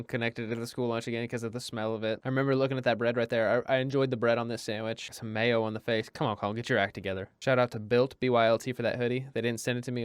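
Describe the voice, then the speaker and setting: Young male food reviewer, fast and chatty, self-mocking, clean dry voice-over. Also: mid-range voice, clean tone, no room sound. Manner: self-deprecating, chatty, rambling with restarts. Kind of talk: casual voice-over commentary.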